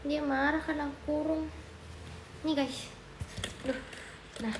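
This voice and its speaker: A young Indonesian woman chatting on a phone livestream with a high voice. She talks at an unhurried pace and drops into cooing baby talk for her cat. A faint hiss sits under her voice. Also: steady tone. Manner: coos and baby-talks to her cat, reads chat aloud. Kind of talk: casual live stream chat.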